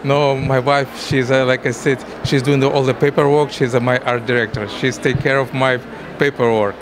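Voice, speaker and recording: A middle-aged man from Ukraine with a Russian accent, giving halting interview answers in broken English as a painter. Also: mid-range voice, steady tone. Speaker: exhibiting painter being interviewed. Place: indoor art exhibition booth. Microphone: interviewer's handheld microphone. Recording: noisy exhibition hall ambience.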